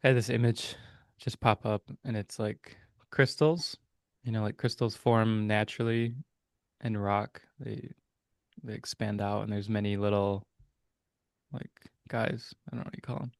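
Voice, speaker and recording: Co-hosting a reflective spiritual podcast, a man muses aloud in casual conversation, searching for his words with many hesitations. His lowish voice is creaky with little pitch movement and normal speed, recorded in clean studio sound with no room sound.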